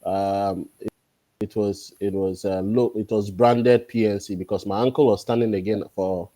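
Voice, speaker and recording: A man around forty, a guest in a casual interview, talking thoughtfully and pausing often on drawn-out fillers. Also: lowish voice, fairly even intonation, mellow, no room sound. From Ghana. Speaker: podcast guest.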